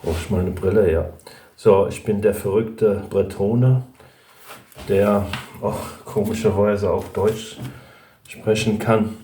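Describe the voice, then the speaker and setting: A middle-aged man from Brittany chats casually in a language vlog, at home with a dog nearby, about learning a language. His lowish, warm voice is steady and slow, but he hesitates and rambles with lots of fillers and restarts. The room is echoey, with slight background noise.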